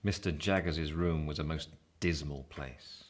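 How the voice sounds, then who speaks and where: In a literary radio play, an actor with a very deep voice plays a reflective man narrating his own youth in a measured, wistful way.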